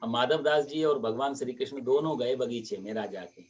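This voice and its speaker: A male preacher narrating a devotional story sermon in a lively storytelling manner. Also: medium pitch, normal speed, far from the mic.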